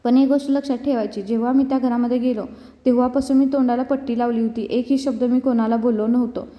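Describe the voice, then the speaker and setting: A woman's voice: on the high side, steady tone, quick pace. A woman retelling the story of a TV serial in a chatty, casual way, stringing scenes together with repeated linking phrases, in a dull, reverberant recording. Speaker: serial recap narrator.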